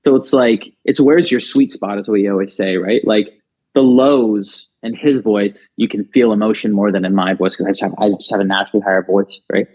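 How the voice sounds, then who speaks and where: As a podcast guest, a rock band's singer talks briskly in a fairly low voice, animated, chatty, and full of fillers and restarts. The casual conversation comes through with a dull, lo-fi sound.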